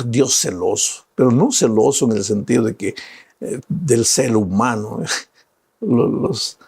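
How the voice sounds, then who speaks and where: Male preacher, very husky, gravelly, dry close sound, emphatic sermon, rhetorical questions. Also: a little mellow, dry recording. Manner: addresses the listener directly with rhetorical questions; emphatic, swings to high pitch on key words. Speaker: evangelist preacher.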